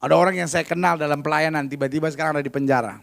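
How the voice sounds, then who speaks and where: A man's voice: a little high, fairly even intonation, very fast, creaky, fairly bright tone. A male pastor preaching a sermon in a conversational, humorous, emphatic way.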